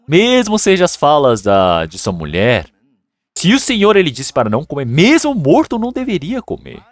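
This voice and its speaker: A man's voice: fairly high pitch, huge pitch swings, moderate pace, dry recording. A male pastor preaching a sermon in a church and retelling a story with acted voices.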